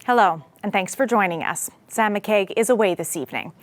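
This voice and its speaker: A woman anchoring an evening news broadcast, reading a scripted report in a steady, clear manner. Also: mid-range voice, a little fast, no echo, faint music behind.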